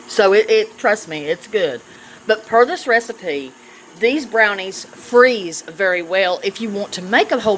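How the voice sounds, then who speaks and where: Talking affectionately to her audience, this woman hosts a casual cooking vlog from her home kitchen, her medium-pitched voice fairly bright. The phone propped on the counter also captures plenty of kitchen noise and clinking dishes.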